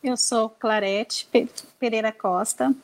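Higher-voiced woman. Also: fairly even intonation, slow pace, low-quality recording. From Minas Gerais, Brazil. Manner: short phrases with occasional restarts. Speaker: student, interview guest. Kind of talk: interview answers.

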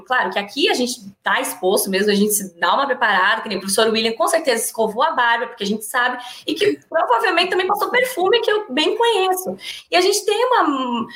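A woman professor talking in a lively class discussion, often adding tag questions and acting out quoted lines. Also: sits high, echoey room. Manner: animated, tag questions, acts out quoted speech. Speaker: university professor.

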